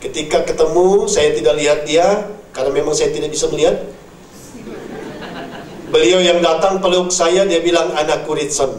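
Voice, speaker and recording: A man's voice: high voice, slight background noise. A man preaching a sermon who keeps calling his listeners "brothers and sisters". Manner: addresses listeners as "saudara". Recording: echoey room, mic from far off.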